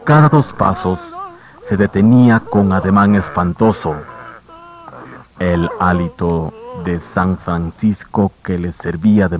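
A man tells a grim tale in a measured, solemn way, as in an old radio show. His voice sits very low and moves at an unhurried pace. The recording is muffled and carries a faint hiss. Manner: measured, grave storytelling. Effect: old radio show broadcast sound. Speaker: narrator. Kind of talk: scripted dramatic radio narration.

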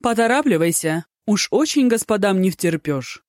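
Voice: mid-range voice, big pitch swings, normal speed, dry recording, studio quality, voice pushed up, lightly acted. A narrator voicing a flamboyant tipsy poet. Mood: effusive. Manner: effusive, theatrical, self-satisfied.

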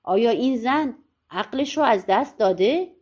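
A woman voicing a proud, short-tempered old king in a storybook audiobook, speaking slowly and scornfully. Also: fairly high pitch, lively intonation, a little mellow. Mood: angry.

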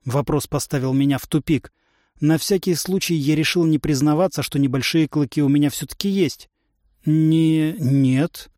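Man reading a first-person fantasy audiobook, even and wry, bone-dry sound. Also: a little high, a little fast, dry recording. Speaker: audiobook narrator.

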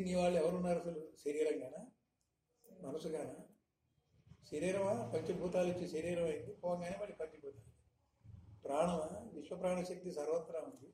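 A man giving a spiritual discourse, teaching with frequent rhetorical questions in a measured, emphatic manner. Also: on the high side, dark tone. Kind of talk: satsang discourse. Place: hall in Hyderabad. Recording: echoey room, faint noise.

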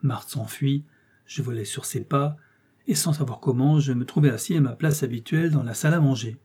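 A man reads a classic novel aloud as an audiobook narrator, measured and wry. His voice is dark and husky at a middle pitch. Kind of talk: scripted narration.

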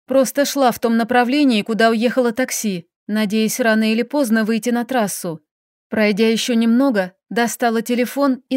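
A woman reading a first-person story aloud as an audiobook, steady and measured. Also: fairly high pitch, no room sound, studio quality. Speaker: audiobook narrator.

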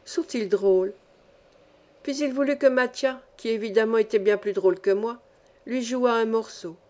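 A woman with a slightly high voice reads a classic novel aloud. Her narration is calm and measured, in steady storytelling. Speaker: audiobook reader.

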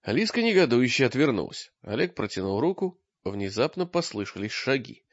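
A man reading an audiobook in expressive scripted narration, recorded with a dull lo-fi sound. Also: mid-range voice, a little fast, dry recording. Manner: lively, expressive storytelling.

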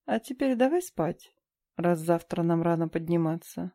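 A woman voicing a sharp-tongued young woman who speaks curtly and needlingly. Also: lowish voice, animated, moderate pace.

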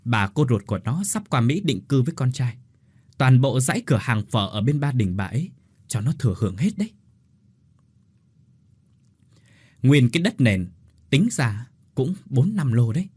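A man's voice: mid-range voice, expressive, a little mellow, husky. Man voicing a pushy greedy sister-in-law. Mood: urgent gossip. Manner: hurried, insistent.

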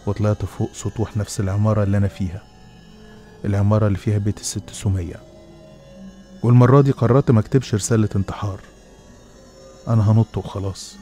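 A man's voice: lowish voice, steady tone, fast, long pauses, mellow, faint music behind. A man with an Egyptian accent narrating a first-person horror story in a dramatic, confessional way.

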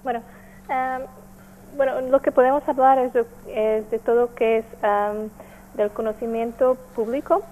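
A woman from Portugal with a Portuguese accent, speaking Spanish as a second language, answering interview questions with many pauses and fillers. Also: fairly high pitch, fairly even intonation, phone-quality sound. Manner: hesitant, many fillers and restarts. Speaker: NGO representative.

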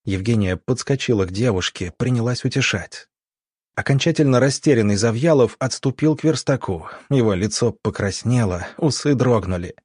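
A man narrating a story in a steady, measured way, with a husky voice. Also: medium pitch, dry recording, clean studio sound. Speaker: audiobook narrator. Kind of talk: scripted narration.

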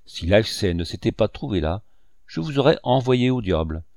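A man's voice: fairly low pitch, animated, moderate pace, darkish tone, no echo, studio quality. A man reading an audiobook, voicing a talkative, hot-tempered male squire who blusters. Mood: blustering. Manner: blustering, exclaiming.

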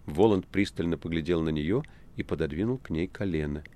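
A man narrating an audiobook in an expressive, lively storytelling manner. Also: deep voice, brisk. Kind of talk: scripted narration.

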